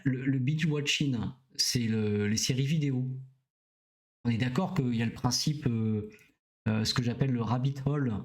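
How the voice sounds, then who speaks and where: Middle-aged man, doctor talking to viewers, casual, hesitant, lots of filler pauses, mid-range voice. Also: mid-range voice, darkish tone. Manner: hesitant, many "euh" fillers, often checks in with listeners. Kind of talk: casual explanatory talk to a live audience.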